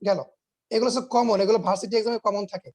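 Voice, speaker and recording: A man's voice: high-pitched, steady tone, fast talker, darkish tone. A man teaching English grammar in an online class, explaining patiently, repeating his points, quizzing students and mixing English words into his talk.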